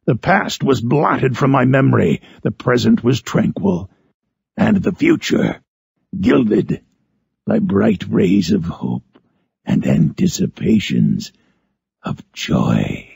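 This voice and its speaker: Frankenstein's monster, very gravelly and raspy. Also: male voice, fairly low pitch, wildly swooping pitch, a little mellow, no room sound, exaggerated voice. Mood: elated, solemn. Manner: solemn, eloquent, drawn-out phrasing. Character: Frankenstein's monster, lonely, articulate, yearning man-made creature. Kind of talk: dramatic audiobook narration in character.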